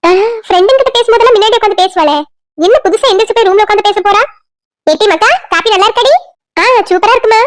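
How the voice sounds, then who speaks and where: A woman's voice: very high-pitched, no echo. Woman voicing a bossy village mother. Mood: scolding. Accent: Kanyakumari Tamil. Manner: scolding, brisk.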